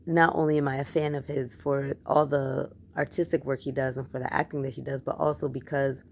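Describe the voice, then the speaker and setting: A woman giving a chatty, emphatic review of a movie in a casual vlog, growing animated as she rants. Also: a bass voice, brisk, gravelly, slight background noise. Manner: chatty, emphatic, gets animated when ranting. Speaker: film reviewer.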